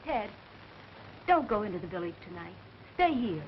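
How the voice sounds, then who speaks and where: An actress playing a frightened, pleading young heiress in early 1930s melodramatic film style, on a muffled, noisy old soundtrack. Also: female voice, medium pitch, very animated, normal speed, natural voice. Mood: anxious pleading.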